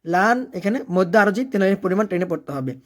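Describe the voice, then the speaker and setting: A recitation teacher with a medium pitch gives a step-by-step lesson. Each word is chanted in a slow, long-drawn way. Then the teacher turns to quick, plain explanation, asking questions and answering them. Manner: leads the learner, asking and answering its own questions.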